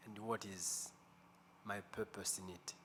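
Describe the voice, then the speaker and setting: Man, 50s, guest speaker; low, bright voice, slow measured delivery. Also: fairly even intonation. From Rwanda. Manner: slow, deliberate, with pauses. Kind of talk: testimony talk at a church service. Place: large church sanctuary. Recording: echoey church hall, faint room noise.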